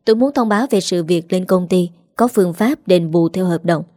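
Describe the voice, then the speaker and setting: Brief: woman reader doing a shifty husband, fast and defensive, dark mellow voice. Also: lowish voice, no echo, studio quality, natural voice. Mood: brisk. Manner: quick, pushy and defensive. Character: scheming middle-aged man, fake grieving husband.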